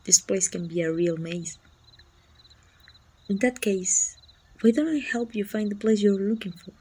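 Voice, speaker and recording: Husky and dark-toned, a woman's medium-pitched voice moves at a measured pace. She has a Mexican accent and plays a chatty, helpful city guard from a medieval fantasy realm in an ASMR roleplay, speaking politely and reassuringly with a helpful, curious air.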